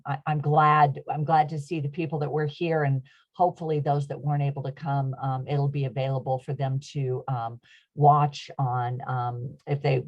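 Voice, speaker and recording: A woman with a very low voice hosts an online session from a video call. She speaks haltingly, with fillers and restarts. The audio is dull and lo-fi. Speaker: host.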